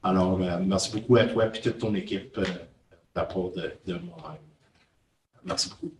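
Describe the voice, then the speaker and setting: A man chairs a council meeting, measured and courteous, with frequent hesitations. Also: sits low, animated, darkish tone, slight background noise. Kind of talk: formal council proceedings, switching to French. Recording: echoey council chamber, mic at a distance.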